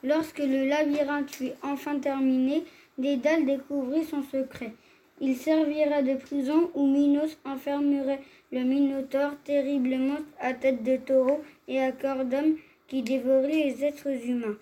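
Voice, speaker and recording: A woman reading a myth aloud as storyteller, in a measured and expressive way. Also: sits high, low-quality recording.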